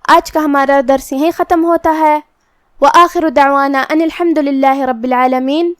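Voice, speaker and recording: A woman's voice: high voice, steady tone, dry recording, studio quality. A woman teaching Quran recitation, carefully explaining how each letter is pronounced, step by step. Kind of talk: tajweed pronunciation lesson.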